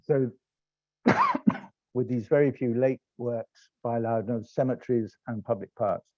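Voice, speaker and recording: A man's voice: mid-range voice, steady tone, measured pace, dry recording, dull audio. A middle-aged British man with an English accent, giving a rambling, self-correcting online lecture over slides. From England. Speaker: lecturer and tour guide.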